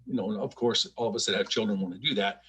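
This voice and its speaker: Husky middle-aged man presenting finances. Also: fairly low pitch, fast, pushed and bright. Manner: chatty, stumbles and repeats small words. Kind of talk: conversational webinar presentation.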